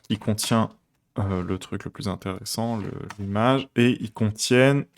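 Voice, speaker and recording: Gravelly low man coding live. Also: unhurried, a little hiss or hum. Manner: thinks aloud with many fillers and restarts. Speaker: web developer streaming a coding session. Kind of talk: casual live coding chat.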